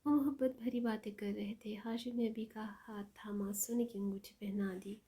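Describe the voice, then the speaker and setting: Soft-voiced breathy woman storyteller. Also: mid-range voice, steady tone. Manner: soft, half-whispered reading. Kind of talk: emotional story narration.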